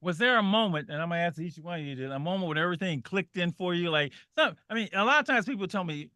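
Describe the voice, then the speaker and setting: A man from Saint Louis hosts a radio talk show with a casual, chatty manner. His voice is bright and fairly high, and the sound is dry and close. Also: lively intonation, fast talker, no room sound. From Saint Louis, Missouri. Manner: warm, chatty, folksy asides. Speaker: radio host. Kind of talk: casual interview.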